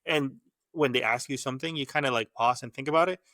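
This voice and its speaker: A Filipino lab scientist, a native Tagalog speaker with a Filipino accent, chats casually as a guest, rambling and restarting as he goes. His mid-range voice is fast, bright, and forceful, with no echo.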